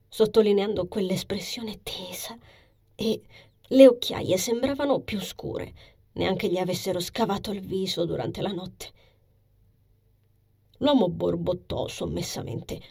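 A woman narrating a novel as a steady scripted reading, soft and hushed, sometimes sinking to a whisper. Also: mid-range voice, gravelly, slightly rough. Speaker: audiobook narrator.

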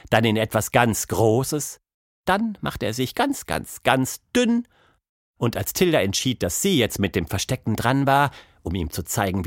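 A man narrating a children's audiobook in an expressive storytelling manner. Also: on the low side, no room sound, clean studio sound.

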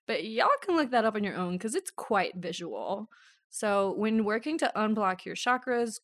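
A woman's voice: medium pitch, a bit bright, no room sound, studio quality. A woman co-hosting a chatty podcast, reading from her notes and breaking off into playful asides. She gets the giggles easily and pokes fun at herself while she explains. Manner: giggly, self-mocking, reads lists with asides. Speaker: podcast co-host. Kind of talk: casual chat, reading notes.

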